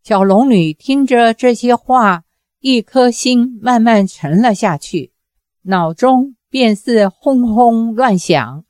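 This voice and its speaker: A woman narrating a novel as an audiobook in a measured storytelling manner. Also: fairly high pitch, animated, darkish tone, no echo, clean studio sound.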